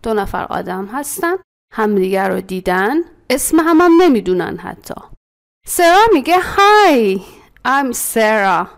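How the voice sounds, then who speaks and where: A woman teaching an English lesson as a voice-over. She explains the textbook with animated energy, slows down to model short phrases and repeats them for her students. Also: medium pitch, creaky.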